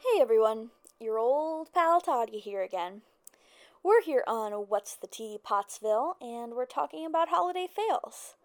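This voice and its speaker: Smooth radio host, a woman playing her. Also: on the high side, lively intonation, a little slow, no room sound. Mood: chipper. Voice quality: breezy, chatty patter. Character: upbeat female small-town radio host. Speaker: radio call-in show host.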